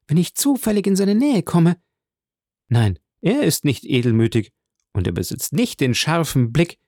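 A man's voice: mid-range voice, vocal fry, darkish tone, no echo, clean studio sound, full character voice. A man voicing an anxious, earnest young woman in love, speaking in a pleading, emotional way in an audiobook.

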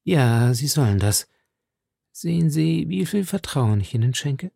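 A man's voice: fairly high pitch, lively intonation, measured pace, creaky, mellow, husky, no echo, studio quality, exaggerated voice. A man voicing a cool, scheming noble lady. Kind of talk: audiobook character reading.

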